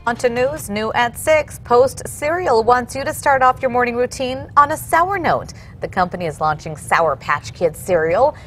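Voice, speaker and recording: A woman's voice: fairly high pitch, lively intonation, normal speed, hardly any pauses, faint music behind. A woman working as a news anchor, reading scripted television news stories.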